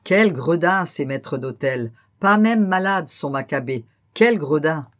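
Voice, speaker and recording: Fretful hypochondriac gentleman in a storybook reading, pitched up and loud, put on by the narrator. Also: animated, slow pace. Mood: suspicious. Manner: fretful, exclamatory, suspicious. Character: fussy anxious middle-aged bourgeois man.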